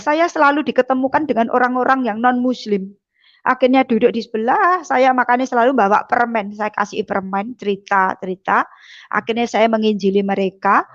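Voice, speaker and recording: A fervent woman preacher tells her testimony in a fairly high voice. She often dips softly to address the congregation. The sound is dry and slightly dull. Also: no echo. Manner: fervent, drops voice on repeated "saudara". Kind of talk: testimony sermon.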